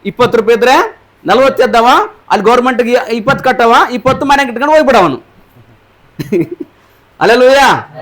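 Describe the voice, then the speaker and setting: A man's voice: very high-pitched, fairly bright tone. A man preaching a sermon, asking the congregation questions and repeating their answers. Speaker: pastor. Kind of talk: sermon with call-and-response.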